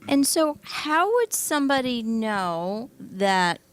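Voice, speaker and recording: Smooth-voiced woman hosting an interview. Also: a little high, sing-song, takes it slowly. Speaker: talk show host. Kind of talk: interviewing a guest.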